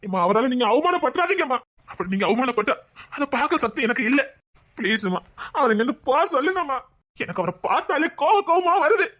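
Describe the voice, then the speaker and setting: A woman's voice: sits high, very animated, a little fast, fairly bright tone, exaggerated voice. A woman voicing a hurt, angry grown son who pleads with his mother in a dubbed serial drama. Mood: pleading. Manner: pleading, accusing.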